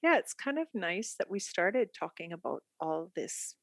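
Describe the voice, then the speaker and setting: As a podcast guest, this middle-aged Canadian art therapist speaks openly and reflectively with a Canadian accent, chatty and quick to laugh. Her fairly low voice has a sing-song quality and a moderate pace, captured in studio quality with no echo.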